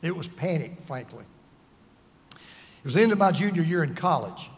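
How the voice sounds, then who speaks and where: This pastor, a man beyond fifty, has a slightly high, expressive voice and keeps a moderate pace. Earnest and emphatic, he preaches with personal tales and self-deprecating jokes, his words echoing in a large hall.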